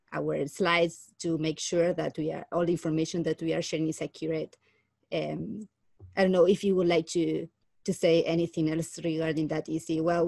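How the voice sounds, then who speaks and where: Thoughtful woman from Argentina, low voice. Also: darkish tone, dry recording, studio quality. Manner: thoughtful, pauses with "uh" fillers. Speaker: learning technology specialist, guest. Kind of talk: conversational podcast interview.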